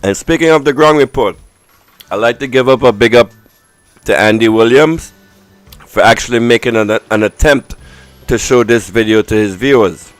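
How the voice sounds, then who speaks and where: A man's voice: mid-range voice, moderate pace, no echo, soft background music. A man hosting his own stream show, talking in a loose, repetitive and self-amused way. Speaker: show host. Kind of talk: casual stream commentary.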